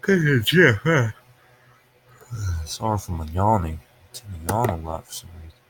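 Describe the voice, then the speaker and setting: A man's voice: deep voice, a little fast, background noise. A man giving casual, unscripted weather commentary over a webcam from an upstairs room at home, talking through his screen as he goes. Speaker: weather livestreamer.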